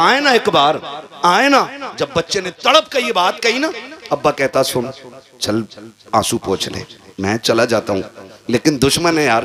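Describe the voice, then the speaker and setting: A man with an Indian Urdu accent preaching a sermon as an emotional story. He acts out the dialogue, going low and soft for grief and climbing to loud, high, impassioned cries. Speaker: Islamic preacher.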